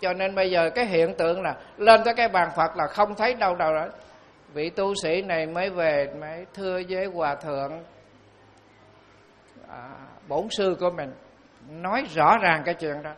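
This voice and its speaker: Monk telling stories. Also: male voice, sits high, slight background noise. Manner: storytelling, slow and emphatic on key phrases. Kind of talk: sermon.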